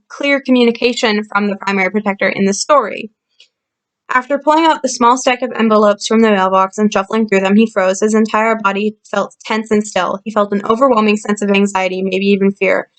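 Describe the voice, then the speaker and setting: Woman explaining calmly into a computer mic. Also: mid-range voice, a little fast. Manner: explanatory, calm, with frequent fillers. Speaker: channel host reviewing a story. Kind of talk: reading a story aloud with casual commentary. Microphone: built-in computer microphone.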